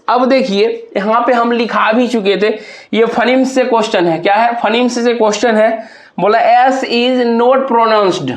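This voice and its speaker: A man teaches an exam prep lesson in a very high voice. He explains step by step, spells words out letter by letter and keeps answering his own questions. The room around him is echoey. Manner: talks to students directly, asking and answering his own questions.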